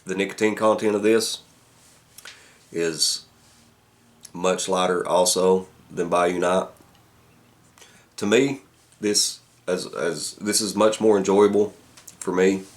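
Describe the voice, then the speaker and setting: A man giving a casual product review, halting as he thinks aloud. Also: low-pitched, steady tone. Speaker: pipe tobacco reviewer.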